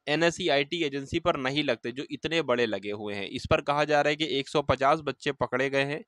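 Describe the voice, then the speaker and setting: An exam-news presenter and coach gives an informal explanatory lesson in a brisk, mid-range, fairly bright voice with no room sound. He repeats points, asks and answers his own questions, and checks often that listeners are following.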